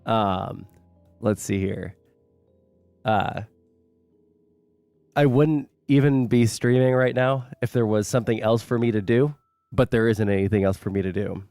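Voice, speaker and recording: A sick man with a hoarse smoker's rasp, chatting casually and bluntly on a livestream, halting and swearing. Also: on the low side, a little mellow, no echo, faint music behind. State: sick, sore hoarse throat. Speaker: live streamer.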